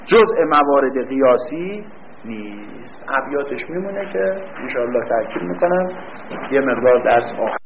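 A man teaching a grammar class, quizzing his students and answering his own questions, reading lines slowly and then explaining them quickly. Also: mid-range voice, animated, gravelly, slight background noise. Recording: dull lo-fi recording.

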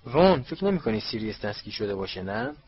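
A man voicing a quiet, worried teenage wizard boy. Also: fairly low pitch, sing-song, lo-fi sound, a little hiss or hum.

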